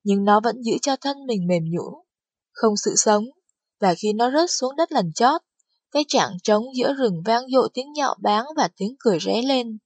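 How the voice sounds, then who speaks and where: Husky woman narrating an audiobook. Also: on the high side, moderate pace, dry recording. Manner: steady storytelling delivery. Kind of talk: scripted narration.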